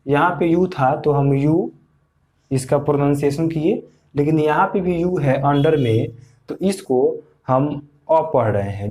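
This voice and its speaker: A man's voice: fairly high pitch, a little mellow. A man teaching an English pronunciation lesson, patiently repeating each point for learners.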